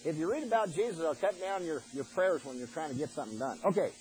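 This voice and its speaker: A man's voice: a little high, expressive, fast, darkish tone, slight background noise, low-quality recording. An older man preaching a sermon in a folksy, plain-spoken way, reading scripture aloud and then explaining it.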